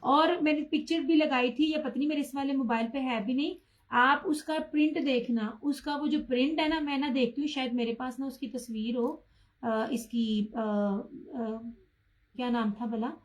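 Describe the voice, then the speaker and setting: Woman, high voice, live-stream seller, chatty, pushy about price. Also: fairly even intonation, normal speed, rough recording. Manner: chatty, addresses viewers by name, insists on low prices. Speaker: online clothing seller. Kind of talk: live-stream sales pitch.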